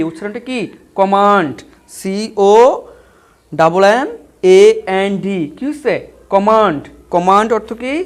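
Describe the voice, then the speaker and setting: A male teacher with a voice that sits high runs an online vocabulary lesson. He spells each word out letter by letter, then repeats questions about its pronunciation and meaning.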